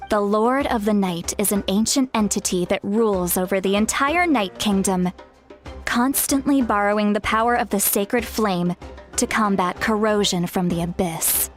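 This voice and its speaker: An actress playing an earnest, caring woman guide in a fantasy video game, speaking in a measured, explanatory way. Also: medium pitch, soft background music, close to an everyday voice. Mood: solemn, explaining. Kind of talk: scripted video game dialogue.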